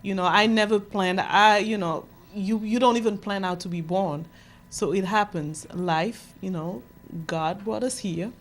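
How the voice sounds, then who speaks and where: A woman's voice: mid-range voice, fairly even intonation, unhurried. French-raised guest woman, Fula native. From France, Senegalese heritage. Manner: thoughtful, speeds up when enthused. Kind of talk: casual interview talk.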